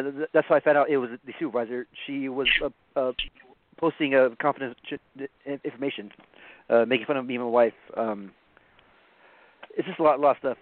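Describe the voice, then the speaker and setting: A man calling in to a radio show over a phone line, talking haltingly with lots of stammers, repeats and fillers. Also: mid-range voice, dry recording. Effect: phone-line call-in audio. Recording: tinny dry phone line.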